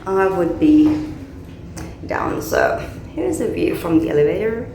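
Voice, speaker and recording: A woman giving a casual, unscripted hotel tour for a vlog, chatting in a halting way as she shows things around her. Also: lowish voice, big pitch swings, creaky, warm tone. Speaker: vlogger touring a hotel. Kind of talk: casual handheld vlog narration. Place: small hotel room, later the hotel lobby, corridors and elevator. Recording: noisy handheld recording with background ambience.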